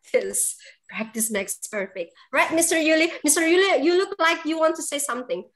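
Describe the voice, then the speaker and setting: Wrapping up an online class over a video call, a woman who teaches English and has an Indonesian accent offers warm, chatty encouragement. Her voice is high with lively intonation, she laughs often, and she fills gaps with "um."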